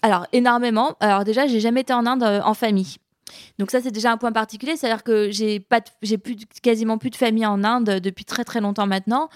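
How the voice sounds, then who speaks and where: A woman who cooks Indian food for a living, chatting in an interview and pausing often as she thinks aloud. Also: fairly high pitch, steady tone, no echo, clean studio sound. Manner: hesitant, thoughtful, many pauses and restarts. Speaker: chef of Indian cuisine. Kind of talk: casual interview conversation.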